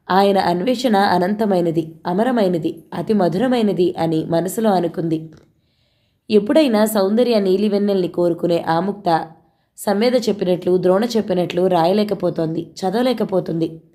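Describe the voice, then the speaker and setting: A woman reads a novel aloud in a calm storytelling voice. Her tone is mellow and warm, never sharp. She keeps an even, mid-pitched delivery. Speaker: audiobook narrator. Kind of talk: novel read aloud, voicing each character.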